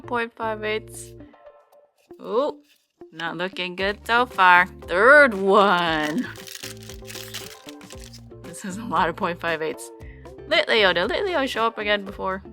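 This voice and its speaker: Woman host, unhurried, bright clear tone, casual running commentary with faint music under it. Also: mid-range voice. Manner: chatty, thinks aloud, reacts to pulls with laughs and gasps. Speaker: channel host opening card packs. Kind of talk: casual pack-opening commentary.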